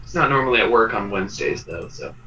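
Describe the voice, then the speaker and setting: A man's voice: fairly low pitch, lively intonation, quick pace, pushed and bright, highs cut off, a little hiss or hum. A man chatting casually as a player in an online tabletop game, easygoing and trailing off. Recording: echoey, distant mic over voice chat.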